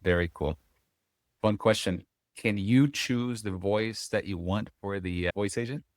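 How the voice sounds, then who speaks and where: A man's voice: lowish voice, measured pace, dry recording, studio quality. A man hosting a podcast, asking friendly, chatty questions and rambling through his own thoughts. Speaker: podcast host. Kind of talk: casual podcast interview.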